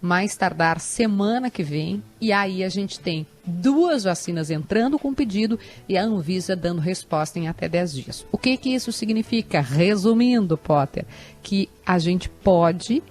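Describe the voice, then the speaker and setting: A woman co-hosting a radio talk show, explaining the news in a loud, hopeful, conversational way. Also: mid-range voice. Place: radio studio.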